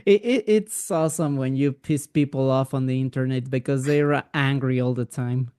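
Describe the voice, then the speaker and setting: A man's voice: mid-range voice, moderate pace, dark tone, clean tone, no echo, clean studio sound. A man interviewing a musician, asking questions hesitantly with many fillers. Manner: hesitant, full of "uh" fillers, laughs along. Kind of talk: casual interview.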